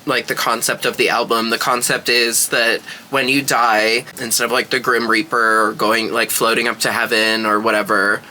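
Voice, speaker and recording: A man's voice: mid-range voice, little pitch movement, moderate pace, hardly any pauses, bright, forceful tone, slight background noise, rough recording. A man talking like a sassy, gushing drag queen, giving casual, slangy reaction commentary.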